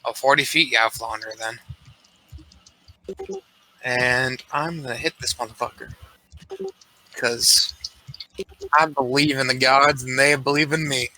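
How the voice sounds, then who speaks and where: Male tabletop player, bright forceful voice, cocky, joking, sweary, casual chat. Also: medium pitch, a little slow, long pauses, rough recording.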